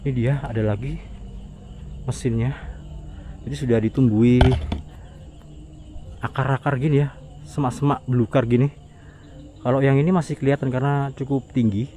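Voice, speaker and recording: A man with an Indonesian accent doing a casual, halting exploration vlog outdoors at night, talking to his viewers in murmured asides and exclamations. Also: mid-range voice, steady tone. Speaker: vlogger exploring an abandoned site at night. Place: outdoors in overgrown wooded area at night. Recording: outdoor night noise, insects.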